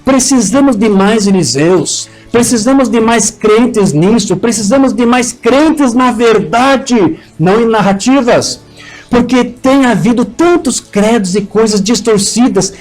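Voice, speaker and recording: A man's voice: extremely high pitch, unhurried, poor audio. A Brazilian man with a Brazilian Portuguese accent preaching a sermon and leading a prayer, fervently calling for amens from the congregation. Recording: soft music under the voice.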